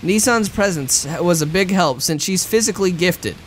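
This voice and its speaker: A person reading visual novel narration aloud in a somewhat halting way. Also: medium pitch, expressive, a little hiss or hum, low-quality recording. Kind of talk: live read-aloud of visual novel script, narration and dialogue.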